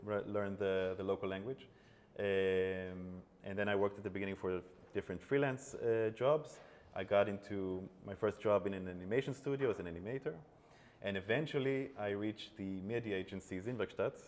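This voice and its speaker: A man from Israel, an animation studio co-founder, speaking on a panel in a measured way that trails off softly at phrase ends. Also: lowish voice. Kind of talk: panel talk. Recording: long hall reverb, faint background noise.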